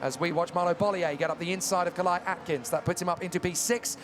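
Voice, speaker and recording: Brief: male motorsport commentator, fairly high voice, animated live race calls over very loud engine and track noise. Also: fast talker. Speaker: motorsport commentator, lead caller.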